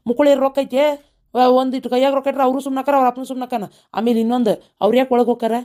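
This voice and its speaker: A woman's voice: sits high, level tone, very fast, mellow, natural voice. A woman voicing a complaining, henpecked middle-aged village husband in a cartoon, with a North Karnataka Kannada accent. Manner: complaining, whiny grumbling. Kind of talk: cartoon comedy voice acting.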